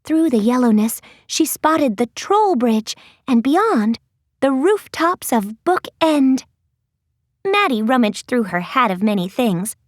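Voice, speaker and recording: Woman narrating a kids audiobook, high lively voice, slow and playful, dry close mic. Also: dry recording.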